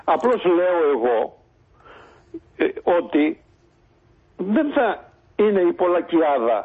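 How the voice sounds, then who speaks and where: A man's voice: fairly high pitch, big pitch swings, slightly rough. A man, a politician guest on a radio interview, arguing his point insistently with many hesitations. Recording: phone-line call-in.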